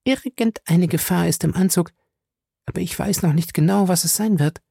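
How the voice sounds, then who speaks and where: A man doing a poised married woman in an audiobook, her voice lifted well above his own and a touch affected. She sounds urgent and concerned, with a gravelly edge and a dry, close sound. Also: sits high, moderate pace, dark tone, dry recording, pitched above the performer's own voice, full character voice. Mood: affected, worried. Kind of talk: audiobook character voice.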